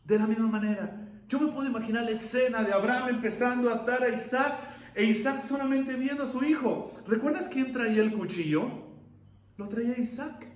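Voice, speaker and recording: Man, pastor, sermon, high voice, echoey hall. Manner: preaching with rhetorical questions and dramatic pauses.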